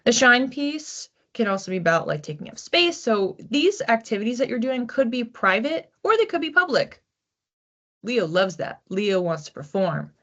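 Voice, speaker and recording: Her voice is a little high and sing-song, fairly bright, at a normal speed, on a muffled recording. The woman hosts a weekly collective psychic card reading, chatting conversationally with her audience and thinking aloud in informal terms.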